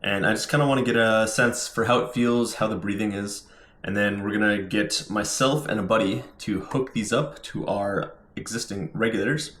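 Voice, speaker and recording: A lower-voiced man talks through a gear demonstration in an informal, explanatory way. He sounds like a hobbyist presenting to viewers. The recording is roomy, with clear indoor echo. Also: normal speed, a bit bright. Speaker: scuba diver reviewing gear. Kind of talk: casual product demonstration. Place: indoors at home.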